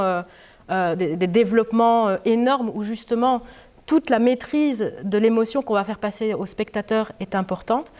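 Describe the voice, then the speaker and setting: In this library talk, the woman author sounds a little high with a darkish tone. The informal delivery stays chatty, peppered with many "euh" pauses.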